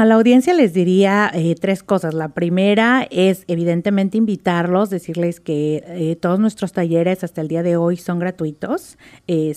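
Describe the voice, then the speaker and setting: A woman's voice: fairly low pitch, dark tone. A woman from Oaxaca with a Mexican accent, guesting on a radio interview and talking with gushing enthusiasm. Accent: Mexican Spanish. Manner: effusive and enthusiastic, stresses words like "super". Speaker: interview guest, writing group member.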